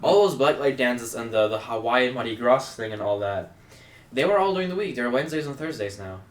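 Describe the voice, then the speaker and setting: A man's voice: medium pitch, lively intonation, a little fast, reverberant. A young man co-hosting a casual gaming podcast, rambling with many fillers. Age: young adult. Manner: rambling, laid-back, lots of fillers. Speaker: podcast co-host.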